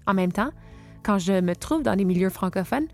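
A young woman asks interview questions and reads narration in a clear, steady voice at a mid pitch. Soft music plays faintly underneath her. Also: moderate pace.

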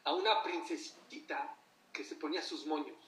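A man giving a religious talk, telling stories in an animated way and putting questions to his listeners. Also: on the high side, normal speed. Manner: animated storytelling, asks the audience questions. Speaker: religious teacher. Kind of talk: sermon. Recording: echoey room from far off.

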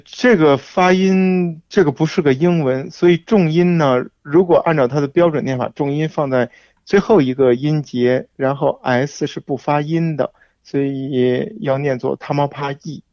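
A man as the guest on a radio talk show, explaining things in a measured way with frequent fillers. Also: fairly high pitch, a little mellow, dry recording, highs cut off. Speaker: guest hiking expert. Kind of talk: casual radio interview.

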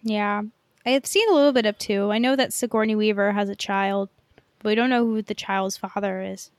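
In a casual podcast conversation about movies, a young female co-host rambles and leans heavily on "like." Her mid-range voice is smooth and steady in tone, moving at a normal speed. The recording has no room sound.

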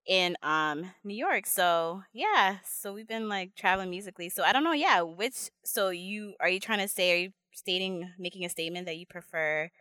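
A woman's voice: fairly low pitch, expressive, normal speed, hardly any pauses, bright, forceful tone, dry recording. A woman hosting a casual podcast chat, upbeat and playful, laughing often. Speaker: podcast host.

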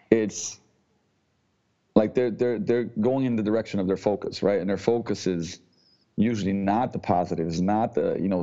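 A man from Slovenia, a gym owner speaking as a podcast guest in a halting way, often repeating words before going on. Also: lowish voice, warm tone. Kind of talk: casual interview talk. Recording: dull lo-fi audio.

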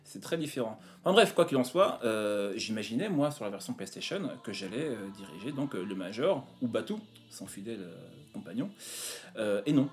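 A man's voice: fairly low pitch, big pitch swings, a little fast, faint music behind. Hesitant man presenting retro games. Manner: hesitant, many fillers. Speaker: game presenter. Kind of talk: casual retro gaming chat.

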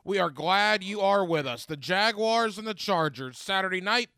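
Male sports radio host, contest promo delivery: very bright, close dry sound, emphatic, repeats himself for punch. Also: high voice, lively intonation, normal speed, smooth, no echo. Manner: emphatic, repeats phrases, direct address to listeners. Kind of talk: radio contest promo, announcing a ticket giveaway to callers. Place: radio studio.

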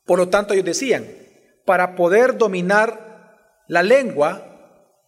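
A man's voice: high-pitched, animated, slow pace. A man preaching an expository sermon, speaking directly to his congregation and shifting his pace and emphasis as he explains a text. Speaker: pastor. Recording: long hall reverb.

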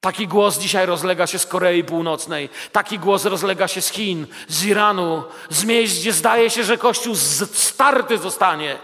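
A man with a rather high voice preaches a sermon, retelling the story with vivid detail and turning often to his listeners. His words ring out with a long hall reverb behind them. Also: vocal fry, fairly bright tone.

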